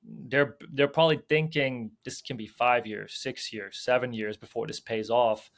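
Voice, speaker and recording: As a guest on a relaxed podcast, this Belgian-raised film producer and sales agent chats at normal speed in a medium-pitched voice with vocal fry and fairly even intonation. He's loose and talkative, full of fillers and restarts.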